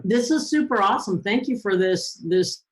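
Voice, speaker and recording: A woman hosting a live Q&A who asks quick follow-up questions and encourages callers. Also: medium pitch, expressive, poor audio. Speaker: host. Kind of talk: live Q&A coaching.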